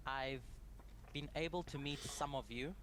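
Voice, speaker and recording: A man's voice: a little high, steady tone, a bit bright. Zimbabwean-born man speaking phrase by phrase. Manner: measured, pausing phrase by phrase. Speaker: guest Bible study presenter. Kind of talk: prayer and Bible study talk, paused for interpreter.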